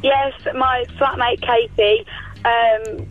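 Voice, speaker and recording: A woman's voice: on the high side, steady tone, slow pace, phone-quality sound, soft background music. A young woman from the West Midlands in England, chatting casually as a phone-in contestant. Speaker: contestant calling in.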